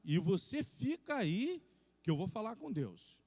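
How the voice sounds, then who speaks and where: A man's voice: high voice, very animated, a little slow, a little mellow, big-room sound, exaggerated voice. A man voicing a stubborn hired prophet who talks in a matter-of-fact, bargaining way. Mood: instructing.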